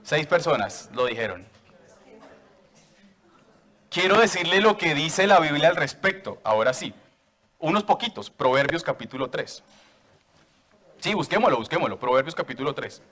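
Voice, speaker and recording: Playful higher-voiced preacher in church. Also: male voice, big pitch swings, normal speed, long pauses, fairly bright tone. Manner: playful, joking with the congregation; asks the church for raised hands. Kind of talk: sermon to a congregation.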